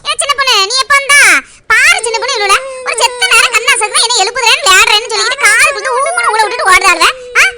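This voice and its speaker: Woman as angry cartoon mum, Tirunelveli Tamil, high and fast. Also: heavy background noise. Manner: shouting, scolding. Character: scolding short-tempered village mother. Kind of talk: cartoon voice acting.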